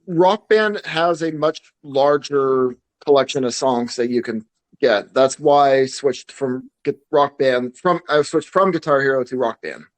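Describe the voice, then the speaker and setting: A mid-range male voice moves at a measured pace. He's one of a podcast's co-hosts, chatting casually, hesitating, and frequently restarting his sentences.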